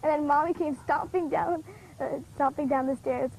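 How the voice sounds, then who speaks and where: A woman recounting a childhood memory in an interview, animated and storytelling. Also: high voice, normal speed, gravelly, slight background noise, rough recording. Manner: animated storytelling, acting out quotes. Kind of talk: reminiscing in an interview.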